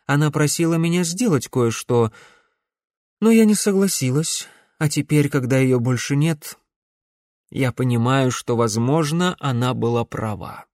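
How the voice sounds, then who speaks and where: A man reading an audiobook, voicing a stern middle-aged woman necromancer who speaks in a measured, insistent way. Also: mid-range voice, a little mellow, dry recording, clean studio sound, natural voice.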